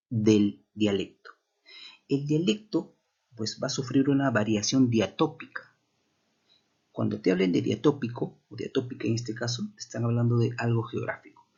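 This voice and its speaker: Gravelly-voiced man teaching. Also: mid-range voice, a little mellow, muffled recording. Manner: explanatory, peppered with rhetorical questions and fillers. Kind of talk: lecturing a language class.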